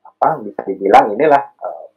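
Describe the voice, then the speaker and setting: A man in his thirties, a podcast guest, talking through his family and early career in an unhurried, thoughtful way, with many fillers. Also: lowish voice, lively intonation, breathy edge, dull audio. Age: 30s. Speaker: podcast guest, alumni candidate. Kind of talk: casual interview chat.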